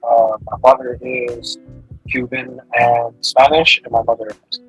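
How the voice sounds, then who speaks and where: A man in his twenties introducing himself and answering interview questions casually, with hesitant pauses. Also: mid-range voice, little pitch movement, fairly bright tone, breathy edge, muffled recording, faint music behind. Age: 20s.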